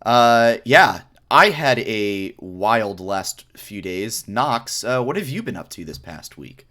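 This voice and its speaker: A man's voice: fairly low pitch, big pitch swings, slow, pushed and bright. A man hosting a casual esports stream chat, joking and laughing often. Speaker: host.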